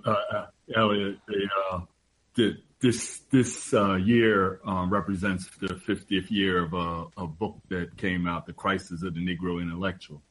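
A man hosting a discussion, speaking in a measured way with many hesitations and reading quotes aloud. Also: deep voice, husky, poor audio.

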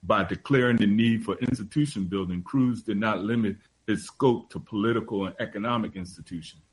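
A man hosting a discussion, speaking in a measured way with many hesitations and reading quotes aloud. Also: fairly low pitch, slightly rough, poor audio.

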